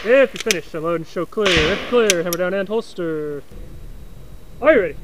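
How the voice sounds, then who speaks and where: A man with a high voice calls out range safety commands in a loud, flat, formulaic way. He works as a range officer outdoors. The recording is very noisy, with clicks and gunfire around his voice. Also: moderate pace. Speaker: range officer at a shooting match. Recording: very noisy outdoor action-camera audio.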